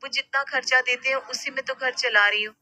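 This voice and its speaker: A timid young wife from an animated storybook, soft and hesitant, always pleading, as a woman narrator puts her on. Her voice is bright, a touch high, and very dry. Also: brisk, no echo, poor audio.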